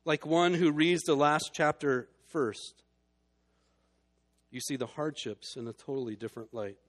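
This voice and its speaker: A man delivering a sermon from the pulpit. His voice sits a touch higher than most men's, and he drops to a hushed hold before climbing into emphatic, ringing lines. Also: fairly even intonation, measured pace. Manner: swings between hushed and emphatic. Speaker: pastor.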